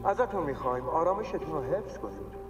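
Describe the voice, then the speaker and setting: A man playing a grave radio spokesman in a film drama. His fairly high voice delivers a formal report through dull, lo-fi sound, with music clearly behind. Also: lively intonation, natural voice. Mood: grave, composed. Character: male spokesman giving grave survival news over radio.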